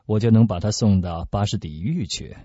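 A man voicing a cold, powerful male cardinal in radio storytelling, measured and dismissive. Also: fairly low pitch, warm tone, slightly rough, no echo. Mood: scheming. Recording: dull lo-fi recording.

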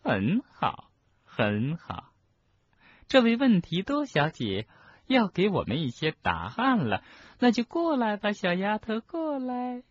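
A cruel, sweet-voiced witch official who drags out every threat , as a man reading the story puts her on. The husky voice sits a little higher than a man's usual, soft but menacing. The recording is muffled and dry. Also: wildly swooping pitch, slow pace, no room sound, heavily acted. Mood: coaxing. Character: sugary cruel middle-aged witch official, woman. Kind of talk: audiobook character reading.

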